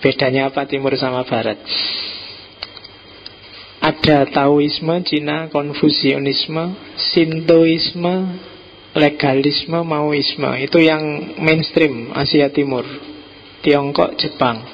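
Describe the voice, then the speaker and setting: A middle-aged man with a Javanese accent giving an informal philosophy lecture in a relaxed, joking way, dropping in local words. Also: a little high, slow, pauses often. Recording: dull lo-fi recording with faint noise.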